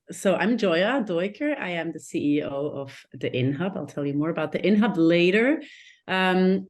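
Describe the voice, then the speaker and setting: A woman who grew up in Switzerland, a CEO, introducing herself on a video call panel in a personal way, now and then correcting herself. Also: mid-range voice. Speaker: CEO of an innovation hub.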